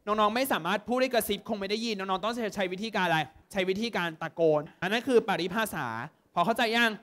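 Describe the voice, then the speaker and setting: A young man from Thailand leads an exam-prep lesson, his voice sitting high for a man. He talks in a lively way and keeps pausing to ask students whether they follow. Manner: lively, constantly checks understanding with quick questions. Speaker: tutor.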